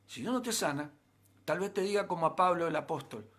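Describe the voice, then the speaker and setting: An animated male pastor, his voice high and a bit bright, gives a sermon in Rioplatense Spanish-accented speech at a slightly fast pace. He leans on emphatic upward rises and plenty of rhetorical questions to press his points.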